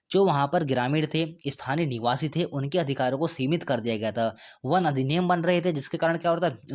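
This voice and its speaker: Hindi-speaking male teacher, slightly high voice. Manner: explains step by step, repeats key dates, asks and answers his own questions. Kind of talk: exam-prep lecture.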